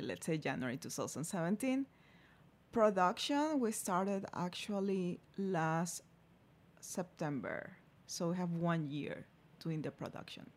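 A woman who founded a food company, answering interview questions in a halting way with many fillers. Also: lowish voice. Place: radio studio.

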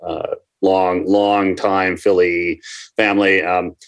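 A man's voice: low-pitched, level tone, slow pace. A man raised in Minnesota, a business coach, explaining at length in a casual interview with many fillers.

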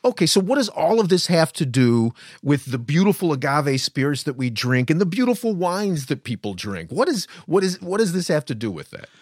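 A man interviews casually in a slightly high voice with very animated pitch. He is informal and skeptical, turning thoughts into questions. The recording is close and dry. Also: brisk, hardly any pauses, no echo.

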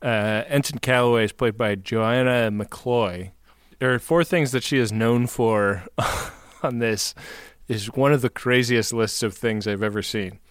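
This podcast co-host has a clean, medium-pitched voice and speaks a little slowly, recorded with clean studio sound and no room sound. He chats jokingly about a TV episode, laughs often, and replays scenes with playful voices.

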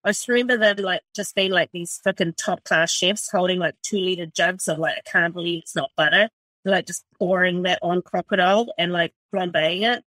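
A woman's voice: on the low side, moderate pace, fairly bright tone, dry recording, low-quality recording. A woman, a chef rambling animatedly in a casual podcast interview, full of filler words and swearing. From New Zealand.

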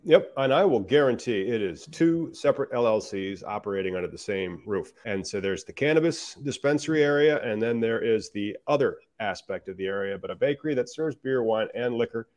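A man's voice: on the low side, lively intonation, brisk, hardly any pauses, darkish tone. A man co-hosting a casual talk show, explaining industry news in long, confident run-on stretches. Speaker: podcast co-host. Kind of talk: casual chat.

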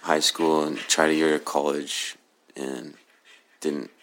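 A man from Oklahoma with a very deep, low magnetic voice, answering interview questions casually in a hesitant, laid-back, halting way. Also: flat delivery, fairly bright tone. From Oklahoma City, USA. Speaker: podcast guest, cannabis grower.

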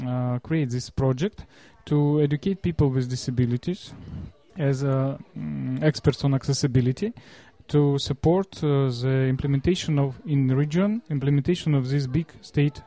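This Russian-accented man from Russia speaks in an interview, his English halting and non-fluent as he frequently gropes for words while explaining. The voice is mid-range, mellow, and steady in tone.

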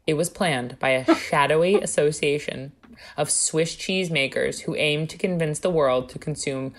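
This podcast co-host has a low-pitched voice and a moderate pace. Working through her notes on a laid-back show, she slips in wry jokes with a playfully conspiratorial air.

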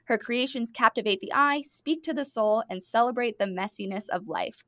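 A woman's voice: fairly high pitch, normal speed, pushed and bright, dry recording, clean studio sound. A woman guest-hosting a food podcast, enthusiastically reading scripted guest introductions and then interviewing her guests. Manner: enthusiastic, reads guest bios with emphasis.

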